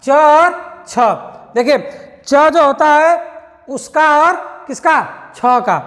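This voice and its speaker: A man teaching in a strikingly high voice, slow and deliberate, stretching out each letter as he drills it. He keeps asking questions and answering them himself, and the sound rings with a long reverb as if from a hall. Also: a bit bright. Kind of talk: exam-prep lesson.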